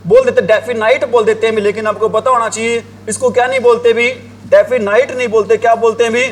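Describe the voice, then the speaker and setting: A man's voice: high voice, slight background noise. A male teacher giving a grammar lesson, asking the class the same questions over and over and answering them himself. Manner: drills the class with repeated questions, writing on a board. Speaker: English teacher.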